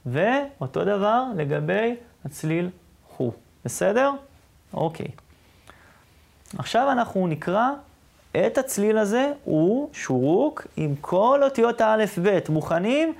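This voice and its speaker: A woman teacher giving a reading lesson to children, patiently checking in with her listeners and slowly drawing out single syllables. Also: lowish voice, gravelly, darkish tone. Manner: patient, asks the class often whether they follow; drawn-out sounding of single syllables.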